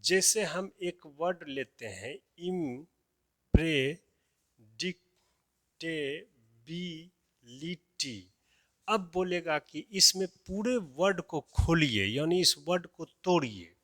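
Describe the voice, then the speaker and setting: Slow, patient male teacher. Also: a little high, lively intonation, pushed and bright, no room sound, studio quality. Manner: slow, repeats key terms as questions and answers them. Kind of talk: classroom lesson for children.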